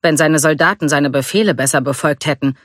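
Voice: mid-range voice, a little fast, a bit bright, dry recording, clean studio sound, natural voice. A reader voicing a stern, disapproving older male officer in a storybook read-aloud, curt and scolding. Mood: cold.

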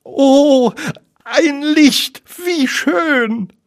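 A man doing a high timid little piglet. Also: big pitch swings, slow, slightly rough, full character voice. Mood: anxious. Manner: high, trembling, fearful. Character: timid small male piglet, anxious.

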